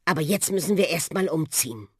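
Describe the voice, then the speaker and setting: A reader voicing a young boy in a children's audiobook, excitable and wide-eyed. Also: medium pitch, fast talker, breathy edge, dry recording, clean studio sound. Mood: subdued. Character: young boy, startled then sad. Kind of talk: audiobook role voice.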